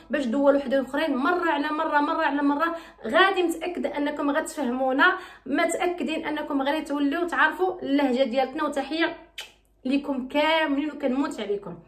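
Chatty moroccan lady doing a beauty vlog, high voice, quick talk, echoey room. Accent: Moroccan Arabic. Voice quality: bubbly, chatty, repeats herself. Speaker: beauty vlogger. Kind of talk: casual vlog chat and recipe explanation.

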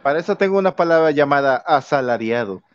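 Smooth-voiced Mexican man, dull mic. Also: on the high side, lively intonation, quick pace, no room sound. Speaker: co-host friend. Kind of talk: casual chat on a live stream.

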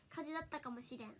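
A high-voiced young woman talks on a livestream. Her voice is nasal and stuffy from a summer cold, and she giggles through her casual chat. Faint noise sits under the recording. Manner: giggly and playful, frequent laughter. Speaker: idol livestreamer.

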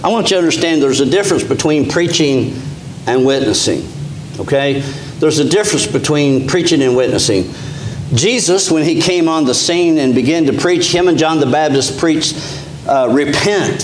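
A middle-aged pastor with an Appalachian Kentucky accent preaches conversationally in a small church sanctuary, often restarting phrases and using fillers while standing and gesturing. His voice sits on the high side. The echoey room carries a faint hum.

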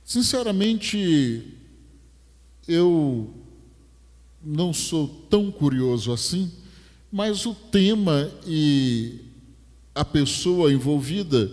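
A middle-aged pastor from Brazil with a Rio de Janeiro accent, reading scripture and preaching a sermon on a headset mic in a large church. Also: male voice, sits high, expressive, darkish tone. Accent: Rio de Janeiro Portuguese. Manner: slow, measured scripture reading building to emphatic preaching. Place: large church stage, indoors. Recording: long church hall reverb.

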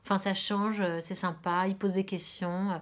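A woman from France hosting a casual knitting podcast, talking hesitantly with many fillers, often dropping to a soft near-whisper and repeating her words of praise. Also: medium pitch, level tone, normal speed. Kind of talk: casual chat about knitting.

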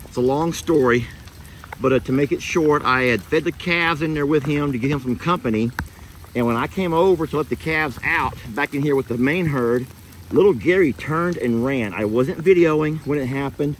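A man's voice: fairly high pitch, normal speed, slight background noise, low-quality recording. Chatty man vlogging a rainy ranch. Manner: chatty, talks straight to viewers. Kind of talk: casual vlog narration. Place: outdoors on a rainy ranch and in a vehicle.

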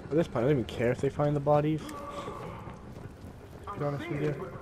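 A man commentating his own video game playthrough, swearing freely and bursting into excitable outbursts. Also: on the high side, quick pace, very noisy. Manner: profane, excitable, laughing at himself. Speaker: gaming channel host. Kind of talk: let's play commentary.

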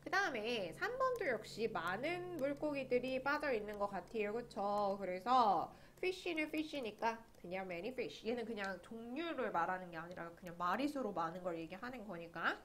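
A woman's voice: on the high side, animated, normal speed, hardly any pauses, fairly bright tone, a little hiss or hum. A young woman teaching an English grammar lesson online, chatty and often checking that students follow along.

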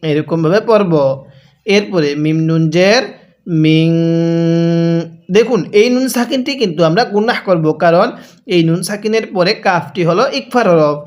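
A man teaching Quran reading, spelling out each letter and then drawling whole phrases slowly for learners to repeat. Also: high-pitched. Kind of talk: step-by-step recitation lesson.

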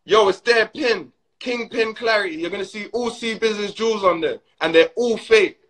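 A man ranting and mocking on a phone Instagram live, excitable and slangy. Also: sits high, moderate pace.

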